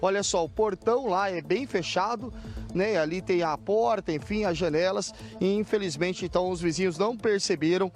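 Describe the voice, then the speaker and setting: A Brazilian field reporter with a high voice and a Brazilian Portuguese accent speaks at normal speed over soft background music. He's reporting live for TV news from a city street, describing the scene and pointing things out.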